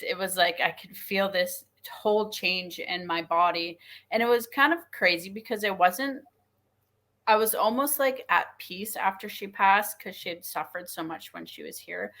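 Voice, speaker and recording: A woman guest telling a deeply personal story in earnest, with frequent fillers. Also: bright, forceful tone.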